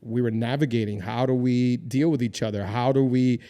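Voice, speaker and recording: A man with a mid-range voice, fairly even intonation and a fairly quick pace hosts a casual interview as a lead pastor and podcast host. He asks questions in a warm, reflective, affirming way, often responding with "wow".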